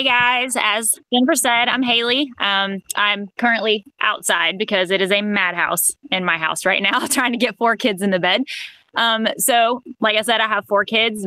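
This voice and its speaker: A friendly, chatty woman speaks outdoors, her voice bright and smooth. The sound is dry and close. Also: mid-range voice, fairly even intonation, normal speed, no room sound. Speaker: guest sharing a testimonial. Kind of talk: casual personal story. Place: outdoors at home.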